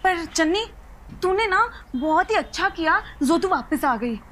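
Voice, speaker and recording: A woman's voice: very high-pitched, expressive, unhurried, fairly bright tone, a little hiss or hum, exaggerated voice. An actress playing a chatty, outspoken young woman who teases and argues in a TV drama. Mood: teasing. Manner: bubbly, teasing, outspoken. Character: chatty teen girl Lovely, lively and bold.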